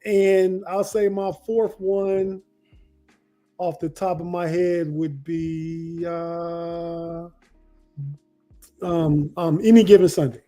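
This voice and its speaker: A man in his fifties co-hosting a sports podcast in casual chat, thinking aloud in halting phrases. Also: fairly high pitch, little pitch movement, dark tone, faint music behind. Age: 50s. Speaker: podcast co-host.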